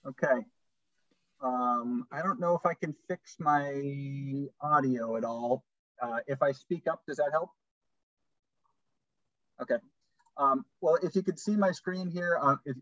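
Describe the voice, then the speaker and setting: A man's voice: medium pitch, unhurried, a bit bright, no echo. A man explaining a plan step by step on a video call, his voice muffled so that he sounds like he is underwater. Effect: muffled, underwater-sounding audio. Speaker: project presenter at a public meeting. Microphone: computer mic on a video call.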